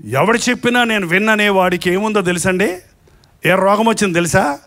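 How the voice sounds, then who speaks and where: A pastor preaching a live sermon, asking the congregation rhetorical questions and slowly stressing each item in a list of sins, with mocking asides. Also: male voice, high-pitched, fairly bright tone. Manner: slow, emphatic listing of sins.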